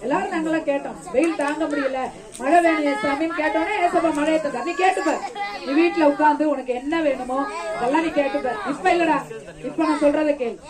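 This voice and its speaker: Outside in the rain, with kids chattering all around, a woman with a high voice relates a Bible story at a quick clip. A children's ministry teacher, she fires questions at the little ones, answers them, and coaxes the group warmly.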